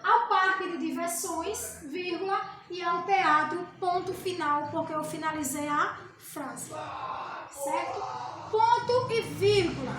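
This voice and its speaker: Woman teacher, very high voice, patient explainer, echoey noisy room recording. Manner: slow, patient explaining, with rhetorical questions and answers. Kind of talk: remote grammar lesson for children. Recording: echoey room with clear background noise.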